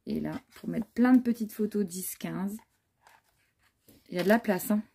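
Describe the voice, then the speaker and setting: A woman's voice: mid-range voice, moderate pace, creaky, warm tone, slight background noise. A woman vlogger chatting casually as she shows off a handmade scrapbook album, full of admiring asides and fillers. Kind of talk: casual show-and-tell chat.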